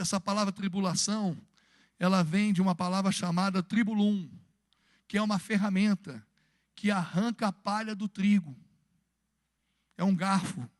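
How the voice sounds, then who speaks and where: High-voiced Brazilian pastor preaching. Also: male voice, no echo, clean studio sound. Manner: fervent preaching mixed with humorous personal anecdotes. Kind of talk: sermon. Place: church, Sunday evening service.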